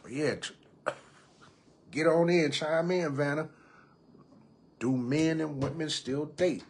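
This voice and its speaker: A man's voice: on the high side, slow pace. A man in his thirties hosting a live podcast, talking casually and reading viewers' comments aloud. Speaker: podcast host. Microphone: computer or phone mic on a live stream.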